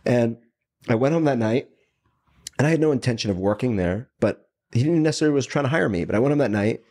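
A man, a company CEO, telling his career story as a podcast guest, quick and animated, acting out the voices of people he quotes. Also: medium pitch.

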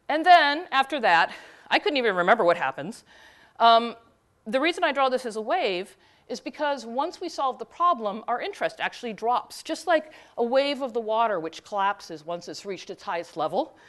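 A woman giving a conference talk, retelling a story with quick, animated asides. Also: fairly high pitch. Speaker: conference speaker; teacher.

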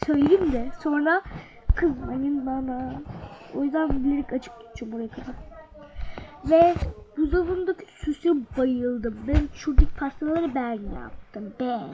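A young woman casually commenting on a game as she plays, often muttering to herself and telling herself to stay calm. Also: high voice, unhurried. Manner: talks to herself while playing, muttering and calming herself. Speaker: gamer. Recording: dull lo-fi sound with noise behind.

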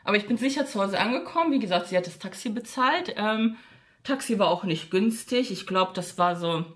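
Animated and a little fast, a woman vlogs a casual personal story to viewers, shifting pitch to act out what people said and speaking to her audience with plenty of fillers.

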